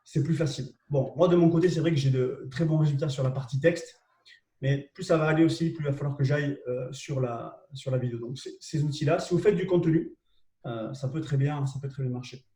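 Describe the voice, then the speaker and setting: A man with a French accent talks through a live webinar presentation, stopping often to check that his listeners follow. His voice is mellow and sits a little high. It sounds roomy and distant, with the mic set away from him in an echoing room. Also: fairly quick. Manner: explanatory, checks in with "d'accord?" and "ok?".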